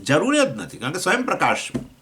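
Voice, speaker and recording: Gujarati-accented male swami teaching scripture; bright, questioning, lively teacher. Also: fast, a little hiss or hum. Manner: explains with questions to listeners, acts out voices of elements; pitch swings between raised points and low asides. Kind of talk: scripture class lecture.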